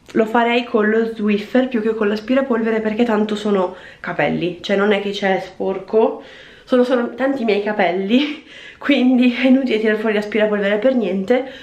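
A young woman talks viewers through her cleaning in an easy, chatty way, her voice sitting at a medium pitch. The sound bounces off the hard tiles of a small bathroom, heard through a camera set on the counter. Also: slight background noise. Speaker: vlogger. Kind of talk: casual cleaning vlog chat. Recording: echoey tiled room.

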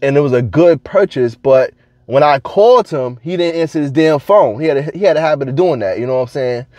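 A man vlogging to camera, telling stories in a casual, slangy, animated way and laughing between lines. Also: a little high, fairly quick, dry recording.

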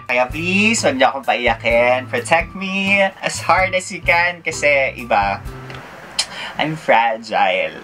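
A man's voice: mid-range voice, expressive, takes it slowly, pushed and bright, soft background music. A young Filipino man vlogging, telling stories with friends in a playful, teasing way, laughing often and mixing English into his Tagalog. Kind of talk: casual storytelling with friends.

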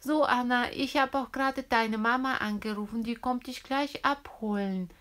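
A woman voicing a calm, brisk female emergency doctor in a children's toy-figure story, soothing and reassuring. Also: fairly high pitch, natural voice.

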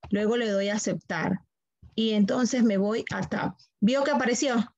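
A woman's voice: mid-range voice, measured pace, darkish tone, dry recording, highs cut off. A woman teaching a computer class online, walking students through steps patiently, repeating them and checking that they follow.

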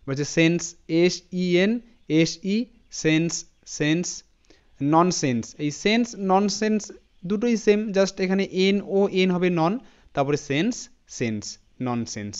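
A man teaching English pronunciation in a spoken lesson, spelling words out letter by letter and repeating each one slowly, often checking in with his students. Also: high voice, animated, darkish tone, smooth, lo-fi sound. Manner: addresses students directly with frequent "thik ache" checks.

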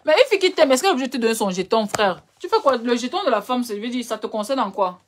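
A woman's voice: a little high, animated, racing, slight background noise. A young woman hosting a live relationship advice stream, answering viewer questions in a direct, scolding way. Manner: direct, scolding, addresses viewers as brother and darling.

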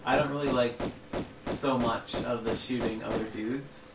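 A co-host watching a video game and chatting casually, with relaxed, teasing comments. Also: mid-range voice, a little slow, roomy sound, far from the mic, heavy background noise. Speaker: let's play co-host. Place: home room with a cat.

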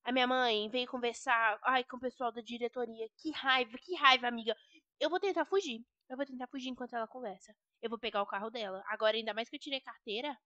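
A woman's voice: a little high, fast talker, bright, forceful tone, no echo, lo-fi sound, voice pushed down. A Brazilian woman voicing a whiny, dramatic, rebellious teenage girl in a game role-play. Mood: scheming. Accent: Brazilian Portuguese.

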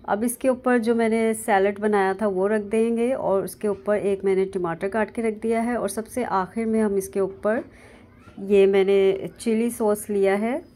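A woman hosting a cooking channel with a Pakistani Urdu accent, calmly narrating a recipe step by step in a voice-over. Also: mid-range voice. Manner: calm step-by-step instructing.

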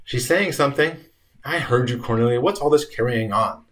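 A man voicing a bitter, sharp-tongued dying old woman, delivering her lines in a raised, tart voice. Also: medium pitch, moderate pace, voice pushed up, natural voice. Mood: irritable.

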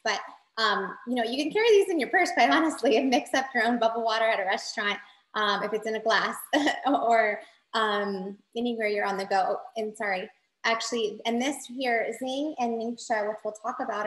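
A woman's voice: fairly high pitch, moderate pace, a bit bright. A woman co-hosting an online class over a video call, talking in a bubbly, casual way. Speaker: co-host. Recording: roomy video call sound.

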